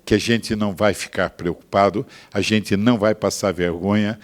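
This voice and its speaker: An older Brazilian pastor preaching, with a somewhat low voice. He tells a testimony in a lively storytelling way, dropping to quiet asides and then rising to loud, emphatic bursts. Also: moderate pace. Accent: Brazilian Portuguese. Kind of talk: sermon testimony.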